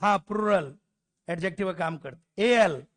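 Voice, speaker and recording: A man's voice: high voice, normal speed. A man teaching English grammar to a class, spelling letters out, calling out word lists and teasing students. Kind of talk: classroom lecture.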